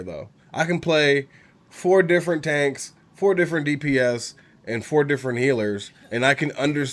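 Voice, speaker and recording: A man's voice: medium pitch, fairly bright tone. Young man, congested from a cold, casual rant, profane, rambling, heated. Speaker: gaming channel host.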